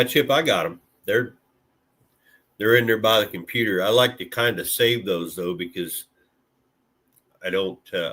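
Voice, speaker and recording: A very low-voiced man from Illinois chats with his stream viewers in a loose, rambling way. His talk is full of fillers and the odd curse. He sounds close to the mic. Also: a bit bright. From Illinois, USA. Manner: laid-back, rambling, with many fillers and mild swearing. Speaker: vlogger chatting with live viewers. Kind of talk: casual live-stream chat.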